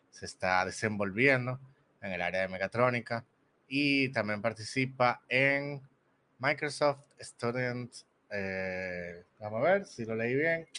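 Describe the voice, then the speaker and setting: A male host runs a relaxed online interview. His voice sits a little low but sounds bright and forceful. He talks chattily, fills gaps with "eh" and slips English words into his Spanish. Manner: chatty, lots of fillers, mixes in English words. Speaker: podcast host.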